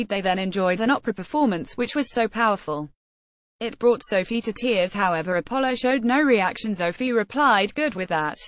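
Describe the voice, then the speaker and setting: A woman's voice: mid-range voice, no echo. A woman's synthetic-sounding voice reads a written news article aloud in a literal, scripted manner. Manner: synthetic, literal reading of punctuation and dates. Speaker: article reader.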